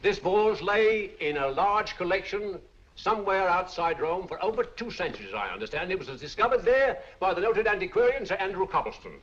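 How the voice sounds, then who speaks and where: A man's voice: high voice, lively intonation, brisk, fairly bright tone. An actor playing a persuasive male auctioneer with a showy sales patter. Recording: dull old film soundtrack.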